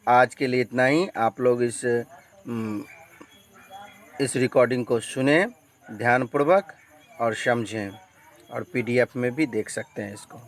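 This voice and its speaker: This grammar teacher, a man with a Bihari Hindi accent and a mid-range voice, moves at a slow, deliberate pace. He draws out every example and keeps restating what he's said.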